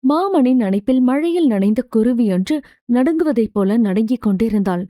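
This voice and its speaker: A woman narrates a romance novel in a steady, expressive reading voice. Her tone is mellow, and the recording is dry and close with no room sound. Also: on the high side, moderate pace, dry recording. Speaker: audiobook narrator.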